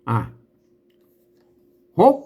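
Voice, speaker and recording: A man teaching Lanna language, who chants verse lines high and loud, then explains them softly with small laughs. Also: extremely slow. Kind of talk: reading and explaining a verse text.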